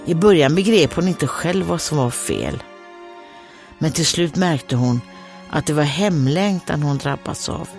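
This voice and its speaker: A woman's voice: low voice, expressive, a little mellow, faint music behind. A woman with a Swedish accent reading a fairy tale aloud as a comedian, breaking off for joking asides. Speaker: comedian and host.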